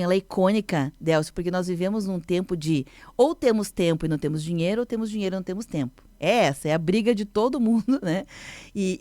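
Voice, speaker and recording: A woman's voice: lowish voice, a little mellow, no room sound. Radio host, woman, chatty storyteller, close dry mic. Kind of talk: radio talk show, reading a story aloud.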